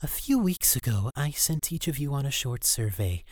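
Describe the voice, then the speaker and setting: A man voicing a vain, popular teenage girl with a sharp, scornful way of talking. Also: medium pitch, sing-song, moderate pace, dry recording, clean studio sound, pitched above the performer's own voice. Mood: presenting.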